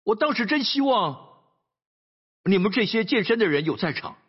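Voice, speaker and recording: A male pastor preaching a sermon, telling a story in an animated way and often asking his listeners "right?". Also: high voice, normal speed, husky, dull audio.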